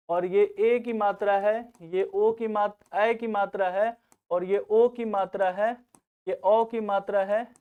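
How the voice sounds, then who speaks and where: A male teacher explaining grammar in a steady lesson, often checking in with students as he goes. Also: sits high, clean tone. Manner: repeats "theek hai na" as a check-in. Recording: tinny phone-like recording.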